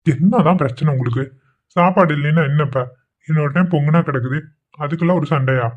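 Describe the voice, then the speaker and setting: A man voicing a loving, easygoing young village husband in a cartoon, talking in a soft, coaxing way. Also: a little high, quick pace, phone-quality sound, natural voice.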